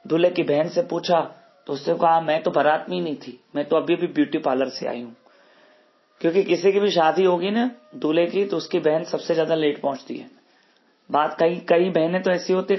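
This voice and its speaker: A man's voice: on the high side, breathy edge. A man narrating a devotional story in a folksy, repetitive storytelling manner. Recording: muffled recording with faint music.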